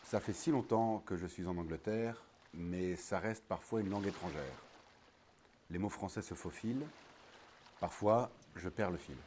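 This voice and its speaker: Low-voiced man, reflective spoken word. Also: darkish tone. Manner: measured, reflective, repeating phrases. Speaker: speaker in a spoken-word film. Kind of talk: poetic spoken-word narration. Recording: ambient noise behind.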